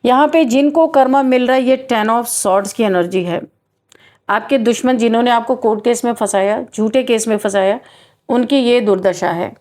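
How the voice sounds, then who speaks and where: A woman's voice: fairly high pitch, moderate pace, a little mellow. A woman with a Hindi accent giving an emphatic, earnest tarot reading to viewers, often repeating her key phrases. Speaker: tarot reader.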